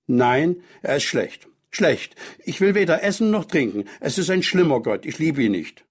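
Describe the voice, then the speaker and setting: A man's voice: on the high side, lively intonation, moderate pace, breathy edge, voice pushed up. A man reading aloud, voicing an earnest, defiant young boy. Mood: upset. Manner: raised, insistent voice.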